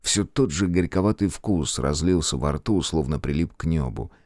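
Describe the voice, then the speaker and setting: A man narrating an audiobook in measured, expressive scripted narration. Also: a bass voice, no room sound, clean studio sound.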